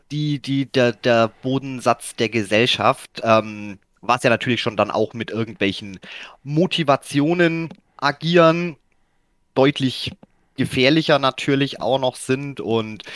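A man co-hosting a casual podcast discussion, rambling with many fillers and restarts and sudden jumps in pitch. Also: a bit bright, no room sound, clean studio sound. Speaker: podcast co-host.

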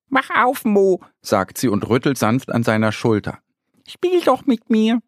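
Calm, slow storytelling man. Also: lowish voice, no room sound, clean studio sound. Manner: gentle and calm, lively storyteller melody. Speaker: narrator. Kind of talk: children's bedtime story narration.

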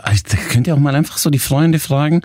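A man's voice: a little high, fast talker, darkish tone, no echo, clean studio sound. A male coach speaking to viewers, talking in strings of questions and explaining his points. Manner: talks in strings of questions, acts out people's vague answers. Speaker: coach and trainer.

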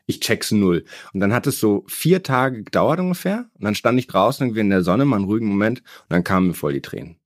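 A man in his thirties, a guest on a podcast, tells personal stories eagerly and in casual slang. He talks at a rapid clip in a low voice. The recording is dry and close, with no room sound. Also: expressive, no room sound. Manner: eager storyteller, slangy, quick to agree. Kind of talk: casual chat.

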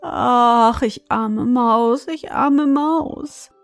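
A woman's voice: high-pitched, unhurried, darkish tone, no room sound, faint music behind, voice pushed up. A woman voicing a whiny, hungry female mouse who pleads and wails in a storybook reading. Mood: pleading. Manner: wailing, pleading and sobbing.

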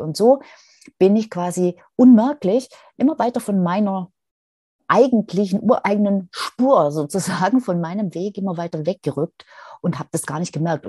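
Mellow-voiced woman hosting a reflective podcast. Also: medium pitch, slightly rough, no echo, studio quality. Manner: thoughtful, addresses listener directly, many pauses and fillers. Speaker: podcast host. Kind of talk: reflective solo podcast talk.

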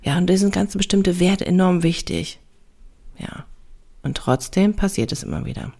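A woman's voice: fairly low pitch, moderate pace, gravelly, dark tone. A woman talking as a parenting coach and podcast host in a casual, reassuring way, often tagging her sentences with little confirming words. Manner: conversational, reassuring, fillers like ja and ne.

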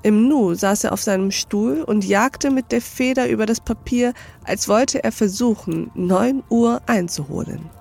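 A woman reads a classic novel aloud at a slow, unhurried pace. Her voice has a gravelly texture, with faint music in the background. The delivery is calm and measured. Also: on the high side. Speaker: narrator.

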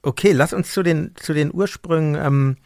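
A man's voice: fairly high pitch, moderate pace, a little mellow, no room sound, studio quality. A male podcast host asking long, thoughtful questions, sometimes restarting mid-sentence. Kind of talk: conversational interview.

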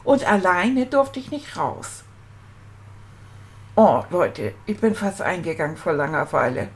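A woman voicing a homesick little boy rat who slowly confides his story to children. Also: fairly low pitch, sing-song. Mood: wistful.

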